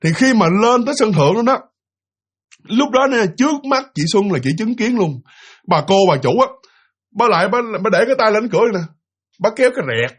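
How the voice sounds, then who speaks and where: A man tells a ghost story at a rapid clip, his voice sitting high and a little husky. He repeats words in his excitement and slips into the characters' lines as he goes. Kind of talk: spoken ghost story narration.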